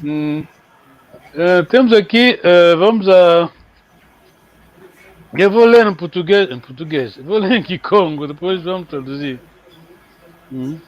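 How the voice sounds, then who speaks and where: A man's voice: high-pitched, unhurried, pauses often. A man teaching a language in a live online lesson, chatty and coaxing, repeating words for students to practise.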